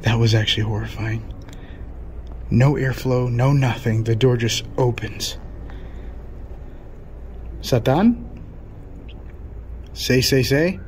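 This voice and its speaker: A man vlogs his exploration of a burned-out abandoned building in hushed first-person commentary, switching between whispers and loud calls into the dark. His voice is medium-pitched, slow, with long pauses. The audio comes from a handheld camera mic and is noisy.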